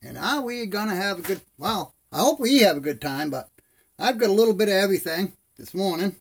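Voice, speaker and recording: A man's voice: high voice, animated, brisk, gravelly, husky. A man with toothless, slightly slurred speech, lips over gums, hosting a casual live stream in a rambling, friendly way. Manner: rambling, friendly, addresses viewers as buddy.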